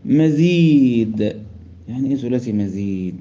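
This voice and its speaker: At normal speed and in a warm voice on the high side, a man with an Egyptian accent teaches his class the rules of Quran recitation. He breaks them down step by step, quizzes his students, and chants verses as quotations. The sound is dull and lo-fi.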